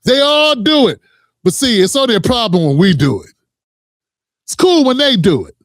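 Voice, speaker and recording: A man with an extremely high, very animated voice hosts a reaction commentary at normal speed. He talks in a heated, emphatic way, swears often, and addresses viewers directly. The recording is dry, with clean studio sound.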